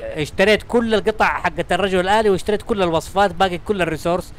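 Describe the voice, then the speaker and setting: This gaming channel host is a young man with a somewhat high voice who talks quickly through his let's-play. His patter stays excited and chatty as he addresses the game and its contents directly.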